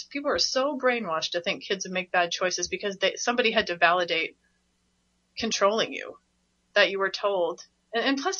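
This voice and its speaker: A woman's voice: mid-range voice, sharp tone. A woman hosting a radio show as a parenting coach, talking passionately and emphatically, often with a laugh. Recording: dull, lo-fi radio recording.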